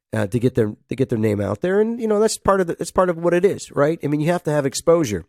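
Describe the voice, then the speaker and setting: Recorded dry at studio quality, a man with a slightly mellow mid-range voice hosts a casual solo show. A head cold makes him sound nasal as he rambles, laughs often and dramatizes phone calls.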